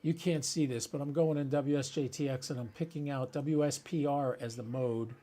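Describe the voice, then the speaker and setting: Speaking warmly at a medium pitch, steady and moderately paced, a ham radio channel host walks viewers through a casual live demonstration on his computer, thinking aloud as he goes.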